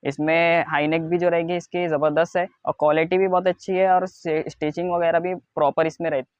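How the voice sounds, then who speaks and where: An Indian man giving a product showcase as a wholesale seller, in a repetitive, insistent sales pitch that stresses low prices. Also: level tone, brisk, dry recording, lo-fi sound. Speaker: wholesale clothing seller presenting stock.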